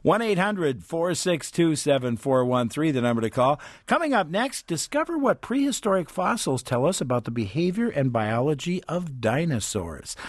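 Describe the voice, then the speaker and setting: A man hosts a public radio call-in show. His voice sits fairly high, swings up and down with animation, and sounds dry and close in the studio. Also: no room sound.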